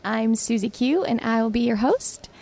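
High-pitched, creaky-voiced woman podcast host. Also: expressive, moderate pace, darkish tone. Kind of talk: casual chat.

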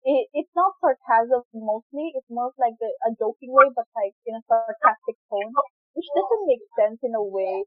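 Young woman guest, rambling and giggly, higher voice, dry muffled call audio. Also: expressive, moderate pace, dry recording. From Papua New Guinea. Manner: rambling, many fillers, laughs often. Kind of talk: casual chat. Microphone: video call.

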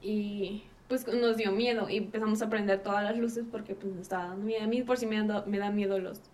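A woman's voice: medium pitch, fairly even intonation, brisk, darkish tone. A woman with a Mexican accent, a podcast guest telling a childhood ghost story in casual, slangy chat. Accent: Mexican Spanish. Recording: distant mic with faint ambient noise.

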